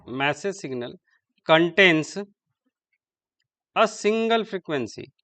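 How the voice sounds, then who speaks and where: A man giving a classroom lecture, halting and repeating terms as he writes on the board. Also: fairly high pitch, animated, pushed and bright.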